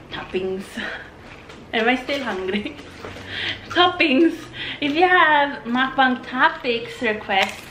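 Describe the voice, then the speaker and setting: Young woman, fairly high voice, casual mukbang chatter, echoey room. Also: bright, forceful tone. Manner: chatty, lots of fillers and restarts. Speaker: vlogger. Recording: echoey room with faint noise.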